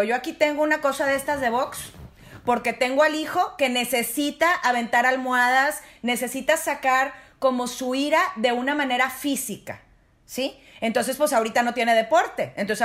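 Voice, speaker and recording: A woman's voice: sits high, normal speed, a bit bright. A middle-aged woman, explaining parenting strategies directly to parents in a casual talk. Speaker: parenting guest expert.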